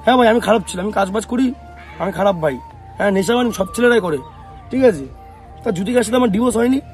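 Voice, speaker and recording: A young vlogger from West Bengal, India, talks casually and quickly to his camera in a high voice over soft background music. He answers comments defensively, fires off lots of rhetorical questions, and calls his viewers "bhai."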